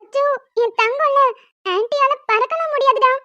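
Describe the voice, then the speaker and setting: A woman's voice: very high voice, moderate pace, pushed and bright, no echo, highs cut off. A woman voicing a cheeky young cartoon woman in a superhero costume, coaxing, playful and unbothered. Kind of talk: animated cartoon voice acting.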